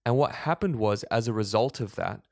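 Here the podcast co-host, a man whose voice is fairly low, a little mellow, and touched with vocal fry, makes his case on faith in an animated, earnest, preachy way. He speaks at a moderate pace, and the close, dry sound has no room echo.

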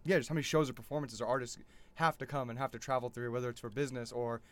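A man hosting a podcast, talking in an energetic, rambling way, then chatting casually with his guest. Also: mid-range voice, very fast. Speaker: podcast host. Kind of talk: podcast intro and casual interview chat.

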